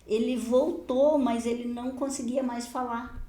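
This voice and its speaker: A woman pastor telling a personal testimony in a podcast conversation, lively and often laughing, acting out the dialogue of her story. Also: a little high, unhurried, echoey room.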